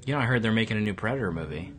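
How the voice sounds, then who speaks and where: A man's voice: lowish voice, animated, rapid-fire, fairly bright tone, slight background noise. A man co-hosting a casual chat about new comics, enthusiastic and jokey, stretching words for emphasis. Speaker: co-host of comic book show.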